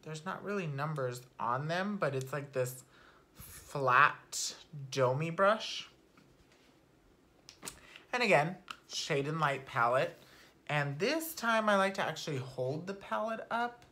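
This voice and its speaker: A young woman talking casually through her makeup routine at home, chatty and unfiltered, swearing offhandedly and sometimes dropping to a soft murmur. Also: low voice, animated, takes it slowly. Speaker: beauty vlogger. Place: at home, not in a studio.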